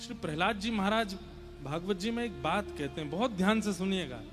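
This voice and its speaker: High-voiced man preaching a devotional sermon. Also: brisk, music in the background. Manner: earnest, urges listeners to listen closely. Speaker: kathavachak preacher. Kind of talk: devotional sermon with chanted Sanskrit verses. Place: large hall before a seated audience.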